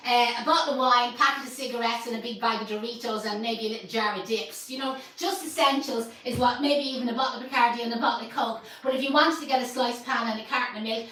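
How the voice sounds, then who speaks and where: A woman's voice: on the high side, fairly bright tone, very echoey, recorded from a distance, low-quality recording. An Irish woman hosting a casual live stream, chatty and joking, laughing often. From Ireland. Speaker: host.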